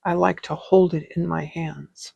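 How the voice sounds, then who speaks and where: A woman's voice: deep voice, fairly even intonation, unhurried, vocal fry, dark tone, dry recording, lo-fi sound. A woman teaching a casual craft tutorial, chatty and rambling as she thinks aloud. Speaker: stitching teacher.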